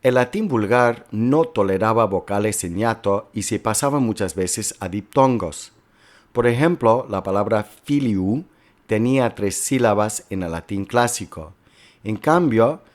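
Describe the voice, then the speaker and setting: A man lecturing slowly and carefully, working step by step through examples as a teacher. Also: lowish voice. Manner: slow, careful, explanatory delivery with worked examples. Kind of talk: recorded lecture on historical linguistics.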